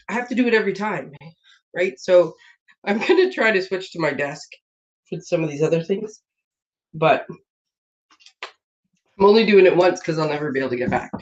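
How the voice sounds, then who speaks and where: Lady chatting on her craft stream from home, kinda stuffy from a sinus thing, giggly and rambly, muffled webcam sound. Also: lowish voice. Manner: rambling and chatty, laughs often. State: recovering from a sinus infection, slightly congested. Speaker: host of a papercraft live stream. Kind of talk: casual live-stream chat. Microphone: webcam setup. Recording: dull lo-fi stream audio.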